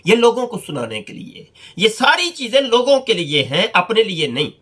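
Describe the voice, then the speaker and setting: A man's voice: high voice, wildly swooping pitch, normal speed, sharp tone, breathy edge. A male religious scholar reads out an anecdote and then comments on it, stressing his points by repeating them. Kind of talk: polemical religious talk.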